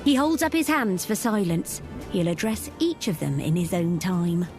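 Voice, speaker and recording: A woman's voice: lowish voice, animated, moderate pace, music in the background. A woman reading scripted narration for an adventure game as a dramatic storyteller.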